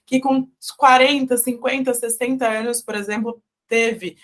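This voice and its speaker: A woman's voice: fairly high pitch, steady tone, measured pace, a bit bright. A Brazilian woman, a speech therapist, explaining her field in a didactic radio interview, moving through terms one by one. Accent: Brazilian Portuguese. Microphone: studio radio microphone.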